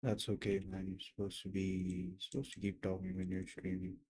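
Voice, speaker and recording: A man's voice: deep voice, little pitch movement, brisk, mellow, breathy edge, low-quality recording. A young man mumbling to himself as he talks through building a 3D model on a stream. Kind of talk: casual thinking aloud while modeling.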